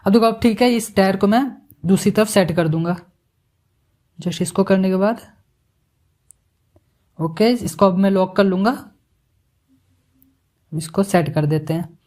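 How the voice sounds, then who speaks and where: A man giving a casual, joking software tutorial, mixing English words into his Hindi as he works. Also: high-pitched, unhurried, pauses often. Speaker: animation tutorial instructor.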